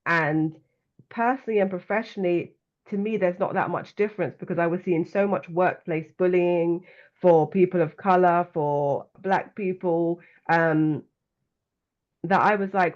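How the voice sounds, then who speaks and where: A woman's voice: lowish voice, steady tone, normal speed, dull audio. A woman with a London accent, a guest author and coach, speaking earnestly and reflectively in a conversational interview. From London, England.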